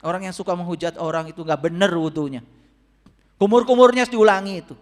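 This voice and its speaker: High-pitched male preacher, audience-facing sermon, voice ringing in a reverberant hall. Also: brisk. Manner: addresses audience directly with questions, swings between soft and loud. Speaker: religious teacher. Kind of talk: spiritual sermon to a congregation.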